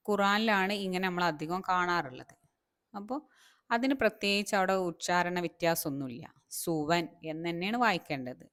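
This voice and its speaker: A woman's voice: lowish voice, fairly bright tone. A woman teaching Arabic reading, drawing out each word and asking her listeners questions. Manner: drawn-out repeated words between quick explanations. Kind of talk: slow reading lesson.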